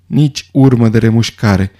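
A man voicing a tense, frightened young woman, his voice raised high and shrill. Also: mellow, natural voice. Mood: cold.

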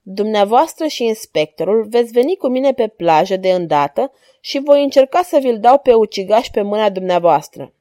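A woman voicing a calm, self-assured male detective who speaks in measured, firm sentences while reading a story aloud. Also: medium pitch, dry recording, clean studio sound, lightly acted. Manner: measured, confident, firm commands.

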